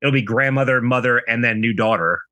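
A man's voice: mid-range voice, a little fast, bright, forceful tone. A man playing in a tabletop game, chatting casually and hedging a lot with filler words. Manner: rambling, hedging with "like" and "I mean". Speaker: player. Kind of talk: casual chat.

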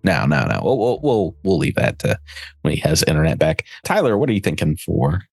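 A man running a tabletop game as game master, relaxed and joking as he guides the players. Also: rumbling low, fairly quick, vocal fry, breathy edge, no room sound, faint music behind. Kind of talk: casual tabletop game session.

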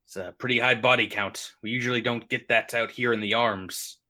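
A man voicing a gruff adult male security sergeant who speaks in a stern, officious way. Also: mid-range voice, fairly even intonation, fairly quick, pushed and bright.

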